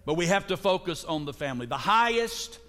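A man preaching from the pulpit, playful and direct with his listeners. His voice sits a little high for a man. A long church reverb rings behind every phrase. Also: big pitch swings, fairly quick, fairly bright tone. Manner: humorous, calls out to the congregation. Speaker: pastor. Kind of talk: sermon. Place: church sanctuary.

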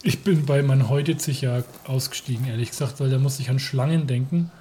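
A man's voice: mid-range voice, fairly quick, warm tone, a little hiss or hum. A man from Germany in casual conversation as a podcast co-host, chatty, easily sidetracked, laughing often. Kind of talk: casual chat.

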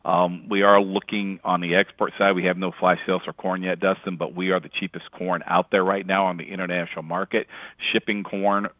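A man speaking over the phone as a market analyst, giving relaxed, conversational commentary with frequent fillers. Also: low-pitched, a little fast, dry recording. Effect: heard over a phone line. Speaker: grain and livestock market analyst. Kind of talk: casual market commentary in an interview. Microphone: telephone. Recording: tinny, dry phone line.

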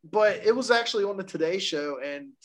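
A man co-hosting a podcast, excitedly telling a story in casual chat and laughing often. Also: high voice, a little fast. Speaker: podcast co-host.

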